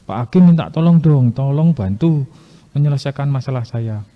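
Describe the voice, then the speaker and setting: A man's voice: medium pitch, lively intonation, normal speed, voice pushed up, close to an everyday voice. A man voicing a persistent widow who keeps begging for help in a told Bible story. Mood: pleading. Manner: pleading, insistent. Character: persistent pleading widow, woman. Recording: muffled echoey hall.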